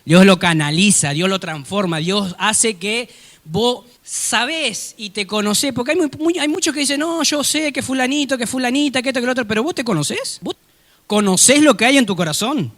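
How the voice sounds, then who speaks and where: A man with a Rioplatense Spanish accent preaching a sermon, swinging between loud exclamations and quiet low asides. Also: moderate pace. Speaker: apostle and prophet preaching.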